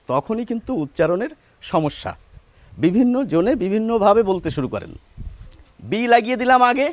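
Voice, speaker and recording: A man giving a spoken lesson on pronunciation, spelling words out slowly step by step and asking rhetorical questions. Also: sits high, no echo. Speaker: Bengali pronunciation teacher.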